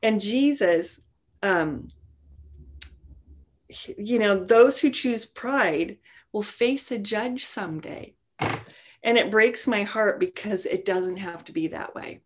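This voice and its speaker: A woman's voice: mid-range voice, lively intonation, slow, long pauses. A woman giving an informal devotional talk to a women's group, earnest and chatty, with many "you know" asides. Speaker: women's Bible study teacher.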